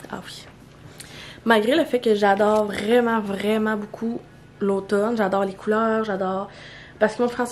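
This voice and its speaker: A woman's voice: medium pitch, darkish tone, slight background noise. A young woman with a Québécois accent, chatting casually at home in a morning vlog, rambling with lots of fillers and restarts. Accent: Québécois French. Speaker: vlogger.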